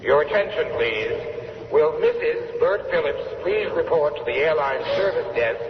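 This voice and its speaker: An airport announcer over a PA loudspeaker. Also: male voice, a little high, lively intonation. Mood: announcing. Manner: formal, measured announcing. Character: male airport announcer, formal and even. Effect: over an airport public address loudspeaker. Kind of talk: 1970s radio drama acting. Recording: echoey, distant, lo-fi loudspeaker in a hall with hiss.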